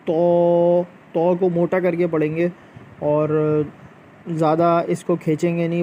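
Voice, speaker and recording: A man teaching Quran letter pronunciation, patiently explaining and repeating each letter slowly to demonstrate. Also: fairly high pitch, mellow, a little hiss or hum. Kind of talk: slow spoken tajweed lesson with drawn-out letter demonstrations.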